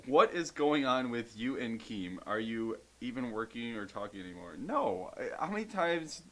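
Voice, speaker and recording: A man co-hosting a podcast in a loose question-and-answer chat. He reads out viewer questions in a steady, middle-pitched voice and then answers them offhand, with some swearing. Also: moderate pace. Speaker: podcast co-host. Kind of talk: casual Q&A chat.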